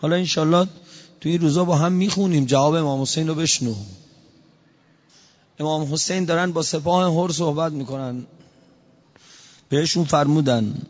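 A man delivers a fervent sermon with a slightly raised pitch, hammering home each point with rhetorical questions. His voice rings out with a long reverb through a large hall. The recording is dull and lo-fi. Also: pauses often. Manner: emphatic, rhetorical questions, urgent pleading. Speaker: preacher. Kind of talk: impassioned sermon to a gathering. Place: large hall, speaking from a podium.

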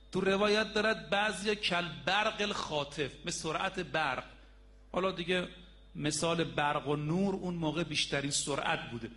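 A man's voice: on the high side, bright, forceful tone. A man preaching a sermon, telling a story and speaking emphatically to the congregation as brothers and sisters, repeating his key points.

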